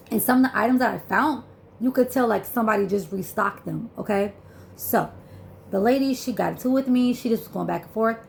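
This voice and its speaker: A woman telling a shopping story in a vlog, animated and chatty, acting out what people said. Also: on the high side, creaky, a little hiss or hum. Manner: animated, acts out dialogue, many fillers. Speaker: vlogger.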